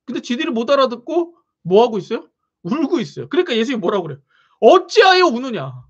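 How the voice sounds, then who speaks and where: Animated pastor questioning the congregation. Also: medium pitch, very fast, breathy edge, muffled recording. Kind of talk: sermon.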